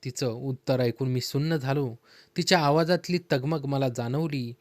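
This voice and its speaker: A man tells a heartfelt first-person story at normal speed, calm and steady, at a middle pitch. His voice is dry and close, with no room around it and no echo.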